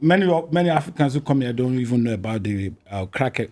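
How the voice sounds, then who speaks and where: A man hosting a podcast, asking measured questions and steering the conversation. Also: medium pitch, expressive, mellow. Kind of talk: interview questions.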